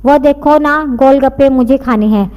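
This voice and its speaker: A playful young woman who teases and pouts, read by a woman narrator. Her voice sits fairly high and trails into a long echo. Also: normal speed, muffled recording, close to an everyday voice. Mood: teasing. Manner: teasing, pouting. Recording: long reverb.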